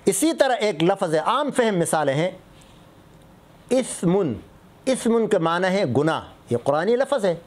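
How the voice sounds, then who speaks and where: A middle-aged man, a mufti, giving a religious lesson on correct Quran recitation, patiently explaining with contrasting word examples. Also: high voice. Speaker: mufti teaching Islamic rulings.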